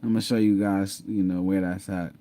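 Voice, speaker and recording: With a dark, level tone and a brisk pace, a low-voiced man recounts his own story to viewers over screen share. The telling is casual, with repetition, laughter and "mind you" thrown in.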